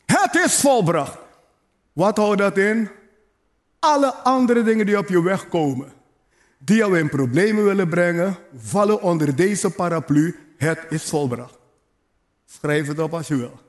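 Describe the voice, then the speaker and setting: This pastor's sermon leans on repeated exhortations, with playful asides and calls directed at the congregation. He has a high voice and lively intonation, and he keeps a measured pace.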